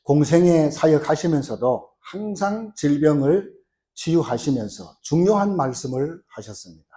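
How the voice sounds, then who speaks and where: Korean pastor preaching with dark tone. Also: male voice, fairly high pitch, expressive, normal speed. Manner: storytelling, acting out quoted cries with rising force; frequent "어" fillers and restarts. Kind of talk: sermon. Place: church sanctuary.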